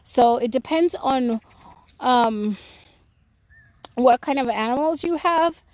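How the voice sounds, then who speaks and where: Slow, chatty woman touring her garden. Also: sits high, darkish tone, no echo, poor audio. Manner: chatty, explanatory, talks to viewers directly. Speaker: home gardening vlogger. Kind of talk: casual live-streamed garden tour. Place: outdoors in a home vegetable garden. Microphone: phone.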